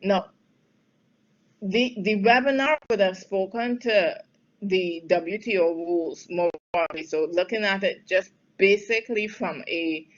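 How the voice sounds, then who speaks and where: A woman with a lowish voice, heard through dull audio, fields audience questions on trade and health policy in a webinar Q&A. She's from Barbados and answers spontaneously as an expert, thoughtful and emphatic in places, with many fillers and restarts.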